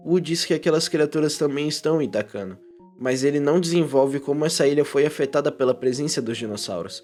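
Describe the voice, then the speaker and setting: A YouTuber narrator and commentator with a Brazilian accent reads a scripted video essay in an informal, irreverent style. His voice is mid-range with a darkish tone, and background music is prominent.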